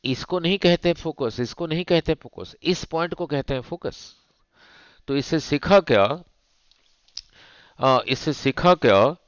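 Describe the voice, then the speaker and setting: A male physics teacher, lecturing slowly and repeating himself, often asking "right?" to check understanding. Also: a little high, animated, smooth, dry recording, lo-fi sound. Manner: slow, repetitive, checks understanding with rhetorical "nahin?". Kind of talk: classroom lecture at a board.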